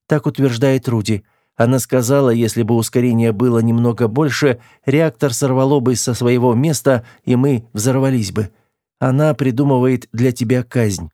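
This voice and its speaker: Male reader as calm female android who reports facts flatly; higher than his own voice, dry. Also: dry recording, close to an everyday voice. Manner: level, matter-of-fact reporting. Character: female android crew member, calm and truthful.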